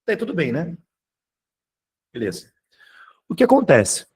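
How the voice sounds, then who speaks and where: Informal Brazilian teacher, higher voice. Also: male voice, huge pitch swings, normal speed, darkish tone, husky. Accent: Brazilian Portuguese. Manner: explanatory, keeps checking in with "tá?" and "beleza?"; informal, occasionally swears. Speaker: Portuguese teacher. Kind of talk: online live class.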